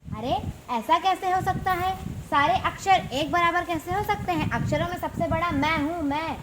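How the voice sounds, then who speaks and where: A woman's voice: very high-pitched, normal speed, background noise. A woman playing a bragging letter of the alphabet. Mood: boastful. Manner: bragging, challenging. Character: boastful male Hindi letter, proud and quarrelsome. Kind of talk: school stage play.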